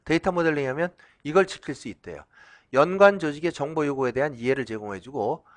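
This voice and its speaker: A man's voice: a little high, a little fast. A middle-aged man lecturing as a professor, asking questions and answering them himself. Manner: drawing on the slide while talking; lively, acts out shouts in a loud voice. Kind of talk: recorded lecture.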